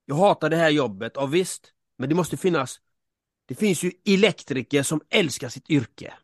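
Pitched on the high side with lively intonation, this male podcast co-host and coach shares a personal story in earnest. The studio recording has no echo, and the casual chat is full of emphatic repeats and remarks aimed at the audience.

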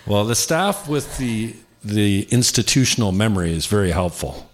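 A Canadian man with a lowish voice hosts a political interview. He keeps it casual and informal, with a joking manner as he puts questions to his guest. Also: expressive, moderate pace, a little hiss or hum. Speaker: interview host.

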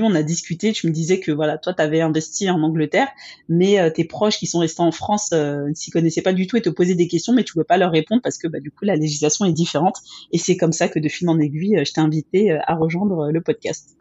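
Husky-voiced upbeat woman podcast host. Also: low-pitched, fast talker, warm tone, highs cut off. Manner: fluent and upbeat, with some fillers. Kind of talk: podcast intro and interview.

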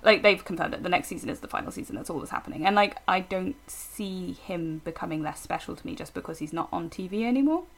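A woman co-hosts a podcast with a gravelly, fry-edged voice. She talks in loose, animated chat that rambles and restarts as she thinks aloud. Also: on the low side, quick pace, hardly any pauses. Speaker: podcast co-host. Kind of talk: casual chat.

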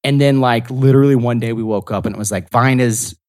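Speaking a little fast at a medium pitch, a male comedian guests on a podcast and spins stories in a meandering style. He leans heavily on "like" throughout the laid-back storytelling interview.

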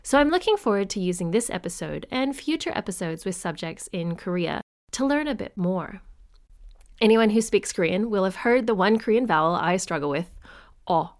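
A woman hosting a podcast in scripted narration with chatty asides, her voice stuffy-nosed and congested from a cold. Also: mid-range voice. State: under the weather with a cold. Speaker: podcast host.

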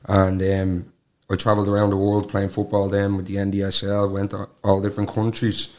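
A Dublin man in his twenties speaks briskly in a low, very flat voice as a guest on a podcast. In a casual personal interview, he talks colloquially and keeps dropping in "like" and "you know what I mean."

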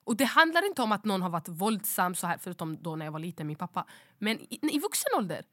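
A woman's voice: on the low side, sing-song, sharp tone, no echo, clean studio sound. A woman co-hosting a podcast, speaking candidly and reflectively about personal matters in casual chat. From Sweden. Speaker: podcast co-host.

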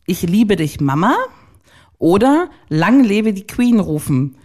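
A woman hosting a casual podcast chat, teasing her co-host and reading out questions slowly and deliberately. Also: mid-range voice, very animated, darkish tone.

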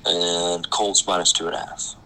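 A man giving football picks in a casual chat, quick and offhand. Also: sits low, little pitch movement, pushed and bright, rough recording.

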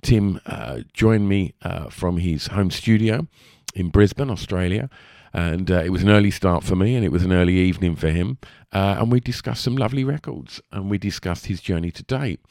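Male podcast host, low register, Essex twang, lispy, chatty and rambling, close dry recording. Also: normal speed, creaky, few pauses, a little mellow, no room sound. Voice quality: lisp. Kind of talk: casual podcast introduction.

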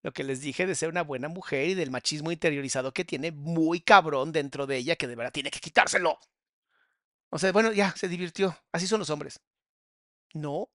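A man, hosting a podcast and reacting with sarcastic, drawn-out remarks. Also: fairly high pitch, fairly bright tone, dry recording, clean studio sound. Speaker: host reacting to a guest's story.

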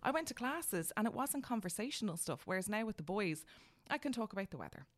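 A woman's voice: mid-range voice, big pitch swings, fast talker. An Irish-accented woman talking casually and emphatically, often repeating words to make her point. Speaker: podcast guest. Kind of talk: casual conversation, telling personal anecdotes.

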